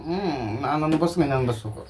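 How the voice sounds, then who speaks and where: A man with a rural Kanakapura Kannada accent giving short, low-key murmured replies to his partner in a casual home vlog. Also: rapid-fire, slightly rough. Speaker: vlogger's partner.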